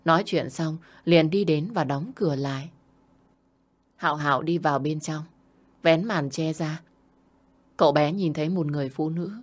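A woman narrating a dramatic story in a steady storytelling manner. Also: sits low.

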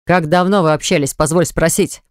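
A man reading an audiobook, voicing a stubborn young man who slowly and insistently presses his point. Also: steady tone, smooth, dry recording, natural voice. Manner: low, slow, persuasive and pressing. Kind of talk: audiobook character voice. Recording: dry close studio recording.

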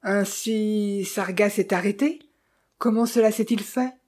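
A young clerk playing detective, thrown into confusion and firing off anxious questions, voiced by a woman reading the book. The tone is mellow and slightly breathy. It is an audiobook character voice. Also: mid-range voice, steady tone, measured pace, natural voice. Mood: bewildered. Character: young male clerk, bewildered amateur sleuth.

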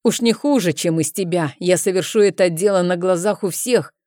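A woman voicing a bold low-born young man who speaks loudly and defiantly. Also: normal speed, no echo, clean studio sound, natural voice. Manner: loud, defiant.

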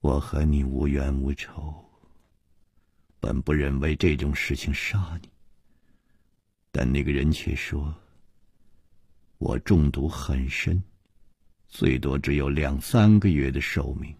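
A doomed, poisoned woman speaks in a hushed, trembling whisper, very low and soft, as a male storyteller puts her on. The breathy voice sinks down almost to nothing. Husky and dry. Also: fairly even intonation, measured pace, no room sound, heavily acted. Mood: sorrowful whisper. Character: poisoned, grieving woman facing death.

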